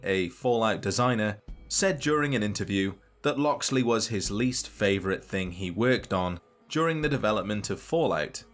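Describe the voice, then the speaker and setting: A man narrating a scripted game video essay in a measured, dry and wry way. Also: lowish voice.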